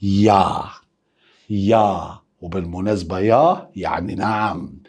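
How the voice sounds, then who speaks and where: A man with an Egyptian Arabic accent teaching a lively lesson, playfully coaxing students to repeat letters after him. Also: low voice, slow pace, breathy edge. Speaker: German teacher.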